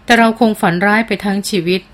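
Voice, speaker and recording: A woman voicing a guilt-stricken teenage boy. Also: lightly acted. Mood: shaken. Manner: slow, low and shaky. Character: remorseful teenage boy, brooding and intense.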